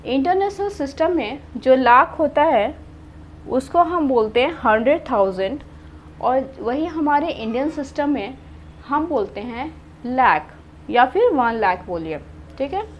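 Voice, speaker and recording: A woman with a high voice teaches at an unhurried pace, counting out number places one at a time. She asks a question and then answers it herself, repeating each step. Faint room noise sits behind her. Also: animated, highs cut off. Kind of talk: classroom math lesson.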